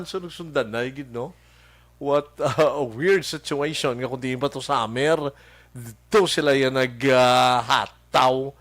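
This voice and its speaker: A man hosting a local radio show with a Hiligaynon accent, chatting casually and greeting listeners by name, halting with many fillers and chuckles. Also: on the high side, a bit bright. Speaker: radio host. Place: radio studio.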